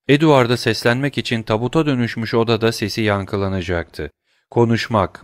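Male audiobook narrator, lowish voice, dry close sound, steady measured delivery. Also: smooth, no room sound. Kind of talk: dramatic novel reading.

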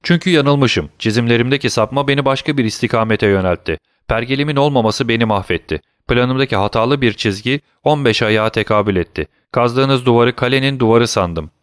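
A man's voice: medium pitch, no echo, clean studio sound, lightly acted. A man voicing a wary old prisoner behind a wall. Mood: regretful. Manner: terse, questioning, hurried. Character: old male prisoner, muffled voice through a wall, cautious.

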